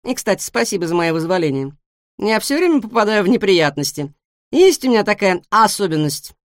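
A woman's voice: medium pitch, a little hiss or hum, voice pushed up, close to an everyday voice. A woman voicing a chatty, nosy young female guinea pig in a storybook, firing off questions one after another. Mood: chattering. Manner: rapid-fire questions, excitable and squealing. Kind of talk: storybook reading.

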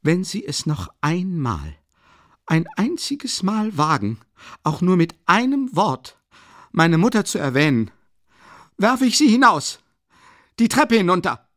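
A man's voice: medium pitch, big pitch swings, a little slow, husky, voice pushed up, heavily acted. A man reading an audiobook, voicing a feverish young man who speaks with biting, trembling rage. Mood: furious. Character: feverish furious young man, bitter and scornful.

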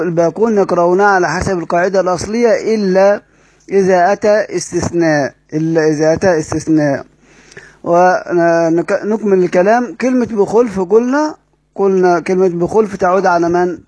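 Teaching the rules of Quran recitation, this man with an Egyptian accent repeats important phrases and answers his own questions, as in a classroom lesson. He speaks a little fast in a high-pitched voice with a darkish tone, and there is no room sound.

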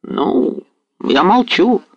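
A man's voice: high voice, expressive, drawn-out words, gravelly, breathy edge, dry recording, dull audio, pitched above the performer's own voice, full character voice. A man voicing an eager young male cossack who talks in a rush of joy and sighs. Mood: sighing.

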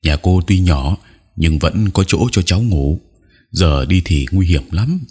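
A man's voice: sits low, animated, a little slow, darkish tone, slightly rough, heavily acted. A man voicing a worried mother who scolds sharply. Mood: scolding.

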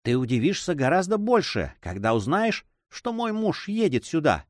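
Anxious young noblewoman, read by a man, high-pitched and pleading, emotional storybook sister. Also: sing-song, normal speed, dry recording, clean studio sound. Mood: worried.

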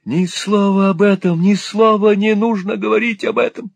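A greedy old miser shrieks in a shrill, squealing wail, his voice pitched far above normal speech. The sound is dry and close. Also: little pitch movement, normal speed, vocal fry, no room sound. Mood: frantic.

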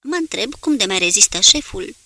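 A woman's voice: mid-range voice, animated, pushed and bright, dry recording. A woman reading the lines of a chatty, wry male ship's steward in an audiobook.

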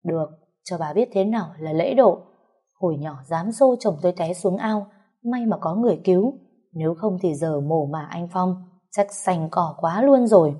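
A woman's voice: lowish voice, animated, moderate pace, mellow, slightly rough. A woman narrating a dramatic first-person family story, acting out the quarrels in heated bursts.

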